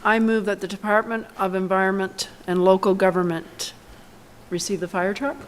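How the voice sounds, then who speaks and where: A woman's voice: medium pitch, little pitch movement, normal speed, slight background noise. A woman on a town council making a motion hesitantly, with a rising, questioning tone.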